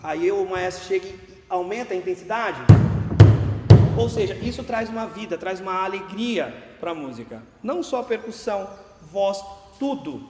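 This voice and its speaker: Counting beats and singing note names, this male music teacher patiently explains dynamics in a high-sitting, animated voice at a moderate pace. The classroom echoes with long reverb, and faint room noise is audible.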